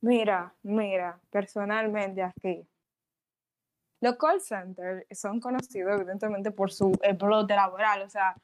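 A woman, co-hosting a casual chat in an emphatic, expressive way. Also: mid-range voice, a little slow.

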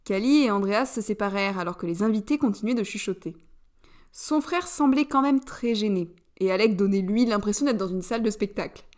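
A woman narrating a novel aloud in a lively storytelling manner. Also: medium pitch, brisk. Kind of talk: audiobook narration.

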